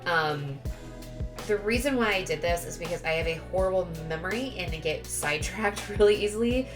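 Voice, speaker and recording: A woman with a fairly low, expressive voice speaks a little fast, narrating a casual, chatty craft tutorial. She sounds sniffly from a cold and keeps correcting herself, with background music playing.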